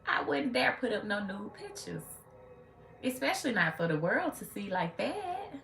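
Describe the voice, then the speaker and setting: Hosting a casual livestream chat, a woman in her late thirties answers commenters with sass in a mid-range voice marked by big pitch swings and vocal fry. Her moderately paced, slightly bright speech echoes in a room with faint ambience and faint music behind.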